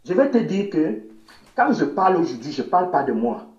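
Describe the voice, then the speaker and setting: A man arguing his opinion in a played clip, in a deliberate, insistent way. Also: fairly high pitch, sing-song, darkish tone. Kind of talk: argued opinion. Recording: dull, echoey replayed clip.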